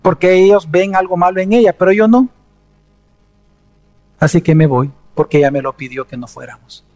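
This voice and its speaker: Man quoting naive impulsive young guy, brief flat answers, high voice, hall reverb. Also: moderate pace. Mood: plain.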